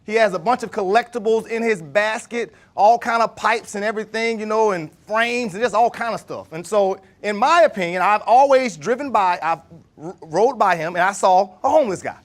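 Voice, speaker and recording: Animated high-voiced male workshop trainer. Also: moderate pace. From Jacksonville, Florida. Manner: animated, asks the room questions. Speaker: leadership trainer. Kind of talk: workshop talk to a live group.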